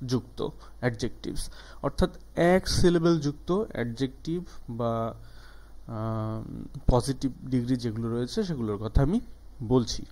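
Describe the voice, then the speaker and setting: A man, a native Bengali speaker, teaching an English grammar lesson, with frequent "ah" fillers as he slows down and stretches out the English examples. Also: medium pitch, darkish tone.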